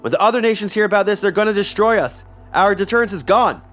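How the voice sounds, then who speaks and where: A frantic ancient war leader cries out in alarm, as a man puts him on. His voice jumps high and loud, and the words tumble out fast. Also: animated, faint music behind. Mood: panicked.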